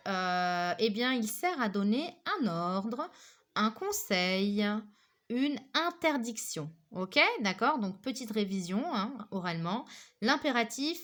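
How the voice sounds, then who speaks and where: A woman's voice: fairly high pitch, a bit bright. A woman teaching a recorded grammar lesson, explaining patiently and checking in often with her listeners, with frequent fillers. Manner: patient, repeats "ok?" and "d'accord?"; slow, careful explanation with many fillers.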